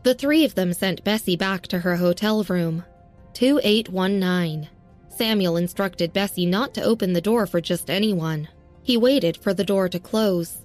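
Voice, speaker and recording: A woman narrating a serialized audio story in a steady, even reading. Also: mid-range voice, moderate pace, faint music behind.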